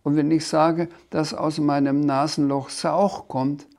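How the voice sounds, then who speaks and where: A man voicing a small blue dragon who cannot pronounce R and talks slowly and puzzledly. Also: a little high, creaky, a little mellow, pitched above the performer's own voice. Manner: slow, puzzled, swaps R for S.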